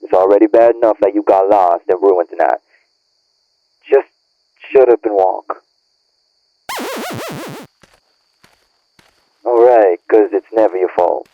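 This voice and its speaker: Speaking at a moderate pace in a low-leaning voice, a man acts out an annoyed young friend in an audio roleplay, bitterly scolding with profane slang. The sound is filtered like a phone or radio, narrow and tinny.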